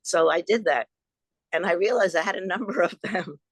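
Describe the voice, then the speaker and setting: A woman's voice: fairly low pitch, normal speed, dry recording. An older woman from Long Island, a guest and author recounting personal experiences in an earnest, rambling way over a video call. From Long Island, New York. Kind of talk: storytelling in an interview.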